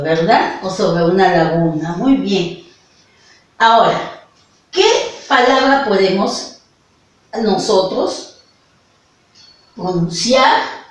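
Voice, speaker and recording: Slow-talking Peruvian teacher, echoey room. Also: female voice, fairly high pitch, recorded from a distance. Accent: Peruvian Spanish. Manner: affectionate, slow and exaggerated for small children. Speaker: primary school teacher. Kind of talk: virtual class for young children. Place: classroom with a whiteboard. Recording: echoey room, away from the mic.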